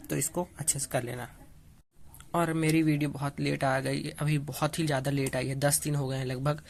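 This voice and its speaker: A young male tutor talks students through a chemistry lesson step by step. His voice sits a little high for a man. He keeps pausing to check that they are following along. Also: creaky. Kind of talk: casual classroom explanation.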